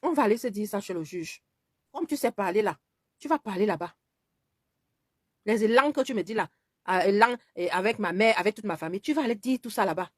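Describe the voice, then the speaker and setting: A woman's voice: medium pitch, expressive, fairly quick, long pauses, no echo, studio quality. A woman talking angrily straight to her audience, insistent and given to repeating herself, at times mimicking another woman's pleading voice. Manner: indignant, insistent, repeats phrases. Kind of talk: angry personal video monologue.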